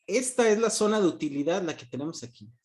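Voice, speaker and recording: A man's voice: high voice, animated, fast talker, darkish tone. A man, a university economics teacher giving an online class, joking and answering his own questions. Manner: joking, asks questions and answers them himself.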